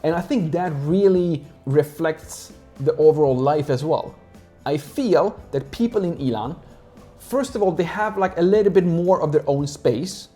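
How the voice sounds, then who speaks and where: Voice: medium pitch, animated, measured pace, warm tone, faint music behind. A speaker who grew up in Sweden, chatting casually and rambling with lots of "like" fillers. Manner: rambling, heavy use of "like" fillers. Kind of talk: casual chat.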